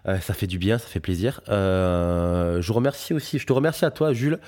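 A man's voice: sits low, brisk, darkish tone. A young man hosting a podcast in casual chat, hesitant and full of fillers. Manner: hesitant, many fillers, friendly. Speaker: podcast host, guitarist.

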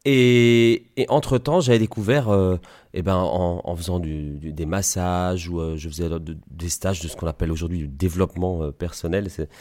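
An osteopath from Belgium in his forties tells his story as a guest in a conversational interview. He sounds hesitant, with many fillers and restarts, speaking at a moderate pace in a low, steady, darkish voice.

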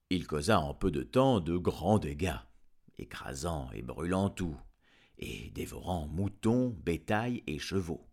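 A man narrating a storybook aloud in an expressive, dramatic reading. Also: low voice. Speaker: audiobook reader.

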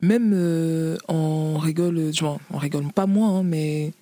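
Invitée autrice, femme, parole hésitante pleine de « euh », son sec et proche. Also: female voice, low-pitched, fairly even intonation, measured pace, dark tone, dry recording. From Paris region, France. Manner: hesitant, many fillers, frequent laughs. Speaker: author guest. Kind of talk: interview conversation.

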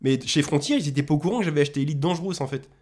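Man, fast and animated, slightly high voice, casual ranting co-host. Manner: animated ranting with swearing and self-mockery. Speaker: podcast co-host. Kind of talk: casual chat.

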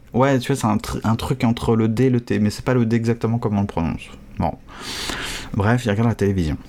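A man with a fairly low voice talks through a casual language lesson. He speaks haltingly, restarts often and drops in some slang. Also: warm tone. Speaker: Chinese language teacher.

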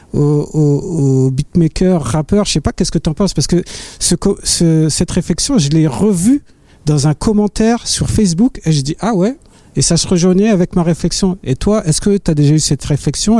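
Halting male interviewer, dry close sound. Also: on the high side, dark tone, dry recording. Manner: halting, searching for words, repeating himself. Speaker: interviewer, host. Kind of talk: conversational interview questions.

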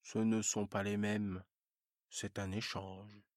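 A man playing a matter-of-fact, weary railway switchman in a storybook, calm and plain. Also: on the low side, takes it slowly, no room sound, studio quality.

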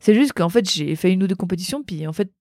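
A young woman speaking as a podcast guest in a relaxed, chatty way, with many fillers and restarts. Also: lowish voice, fast, dry recording, studio quality. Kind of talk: casual podcast interview.

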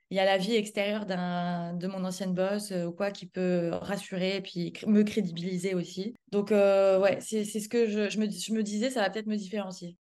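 Woman, French accent, podcast guest, casual chat, hesitant, filler sounds, medium pitch. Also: a little mellow. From France. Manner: chatty, hesitant, many filler sounds and laughs. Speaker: guest, public relations adviser.

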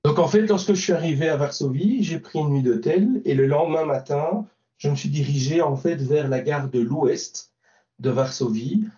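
A man's voice: fairly high pitch, normal speed, warm tone. A man from Belgium recounting a trip in an interview, hesitant, with many fillers and restarts. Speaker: volunteer driver recounting trip. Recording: distant, roomy, dull lo-fi sound.

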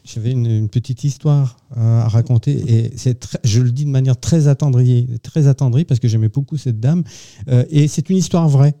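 A man's voice: mid-range voice, moderate pace, warm tone. A man hosting a radio interview, joking and teasing his guests. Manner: jovial, teasing questions. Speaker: radio host. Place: radio studio.

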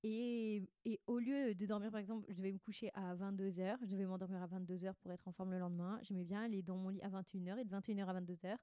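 She's a podcast host in her twenties with a congested, stuffy-nosed sound and a mellow voice of average female pitch, heard in a dry space with no room echo. Fast and smooth with few pauses and a level tone, she rambles through a slangy, candid confessional monologue as if confiding in a diary, often wandering and correcting herself mid-sentence.

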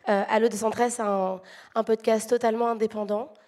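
Hoarse woman with a gravelly, broken voice. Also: fairly high pitch, level tone, brisk, a little mellow. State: hoarse from shouting. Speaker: award winner giving an acceptance speech. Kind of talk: unprepared thank-you speech.

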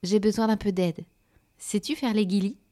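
A woman's voice: medium pitch, fairly even intonation, moderate pace, warm tone, close to an everyday voice. A woman voicing a young female night flower, hopeful and a little wistful, in a children's storybook. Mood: friendly.

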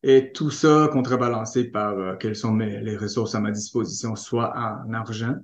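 Halting guest, male, non-parisian accent, roomy dull recording. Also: lowish voice, steady tone. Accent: non-Parisian French accent. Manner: halting, searching for words. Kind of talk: casual chat.

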